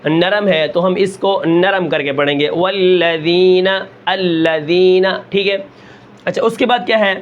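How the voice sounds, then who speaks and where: A man with a Pakistani Urdu accent teaching Quran reading, drawing out each example syllable slowly and then asking and answering his own questions. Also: high-pitched, highs cut off. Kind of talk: slow drilled lesson with rhetorical questions.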